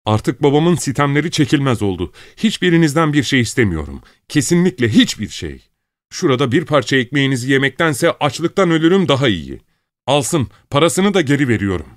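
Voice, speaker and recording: A man voicing an angry young university student who shouts back defiantly at his father. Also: mid-range voice, big pitch swings, a little fast, no room sound, studio quality, pitched above the performer's own voice, close to an everyday voice.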